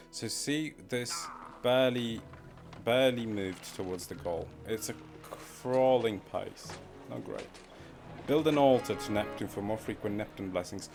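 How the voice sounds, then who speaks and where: A man's voice: on the low side, creaky, darkish tone. A man casually commenting as he plays a game on a live stream, rambling and muttering to himself and chuckling at his own wordplay. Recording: background music under the voice.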